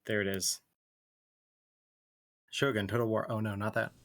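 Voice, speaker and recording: A man's voice: lowish voice, level tone, moderate pace. A man streaming a game, chatting casually and adding dry, amused remarks. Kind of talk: casual gaming stream chat.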